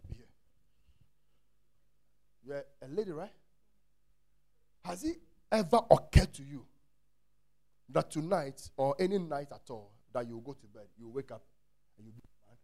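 A man's voice: mid-range voice, animated, measured pace, long pauses, dark tone. A man preaching a sermon in a church, emphatic, repeating words and firing off rhetorical questions. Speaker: pastor.

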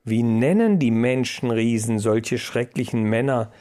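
A man's voice: mid-range voice, measured pace, mellow, lightly acted. A man voicing a curious young male mouse who keeps asking questions. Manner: questioning, eager.

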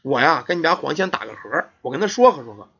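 A man's voice: on the high side, big pitch swings, quick pace, gravelly, bright, forceful tone, husky, lo-fi sound, voice pushed down, full character voice. A man voicing a wry old village doctor who speaks in a dry, mocking way. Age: older.

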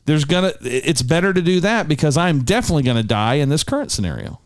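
Guy rambling about politics on a talk show, smooth clear voice, dry sound. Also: a little high, very animated, quick pace, dry recording. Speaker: co-host.

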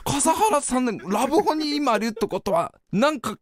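Teasing man, wildly swinging pitch. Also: big pitch swings, moderate pace, no room sound, clean studio sound. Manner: teasing, exasperated, laughing often. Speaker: radio host. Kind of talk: casual live-stream chat.

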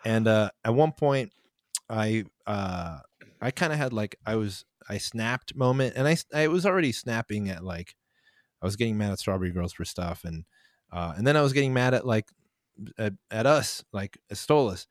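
A man's voice: lowish voice, expressive, normal speed, no room sound, studio quality. A young man co-hosting a podcast, telling a long story in casual chat, rambling and laughing as he goes. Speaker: podcast co-host, band member.

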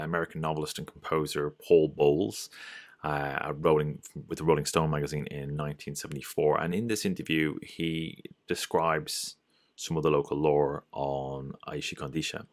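A man's voice: a bass voice, steady tone, moderate pace, no room sound, studio quality. A man giving a casual, loosely structured lecture on folklore, often restarting his sentences. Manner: loose and digressive, with frequent restarts and fillers.

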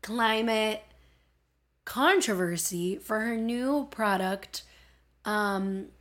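A woman's voice: mid-range voice, extremely slow, fairly bright tone. A woman with a Miami accent hosting a casual solo podcast, talking in an informal, playful and self-deprecating way. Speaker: podcast host.

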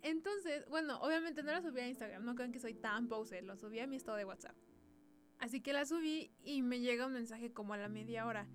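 A woman's voice: on the high side, fairly quick. A young woman with a Mexican accent, telling an exasperated, slangy story as a podcast host. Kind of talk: casual storytelling monologue.

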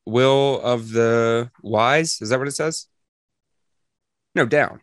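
A man's voice: medium pitch, slow pace, no room sound, clean studio sound. A young man joking and teasing in casual banter with a friend, laughing often.

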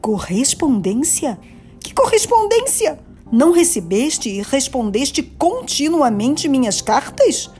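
A woman's voice: high voice, sing-song, takes it slowly, mellow, soft background music, pitched above the performer's own voice, full character voice. A woman voicing a frightened young woman who cries out in tearful, anguished pleas.

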